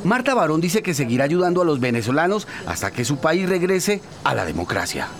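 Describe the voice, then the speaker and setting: A man's voice: fairly high pitch, sing-song, fairly quick, crowd noise. A man narrating a news report and putting questions to an interviewee. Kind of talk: scripted news voice-over and interview.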